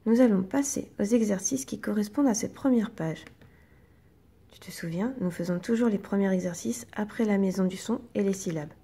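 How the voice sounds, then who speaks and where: A woman teacher, slowly and patiently guiding young children through reading exercises and sounding out each syllable. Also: mid-range voice, warm tone, husky.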